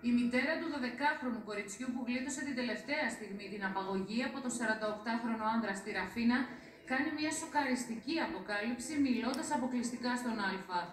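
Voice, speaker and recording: Woman news reporter, formal scripted read, mic a bit distant. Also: on the high side. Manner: steady formal reading. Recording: echoey, distant.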